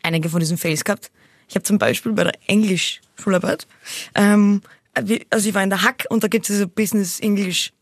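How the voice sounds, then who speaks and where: A young woman, chatting casually as a podcast co-host, excitable and quick to exclaim. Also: mid-range voice, dry recording, studio quality. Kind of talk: casual chat.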